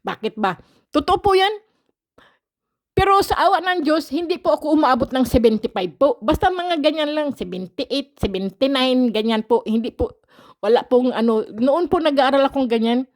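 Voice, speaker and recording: A woman's voice: high voice, lively intonation, moderate pace. An older woman from the Philippines, vlogging and telling her viewers a story casually, in a frank, polite and chatty way, laughing often. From Philippines, raised partly in Mindanao.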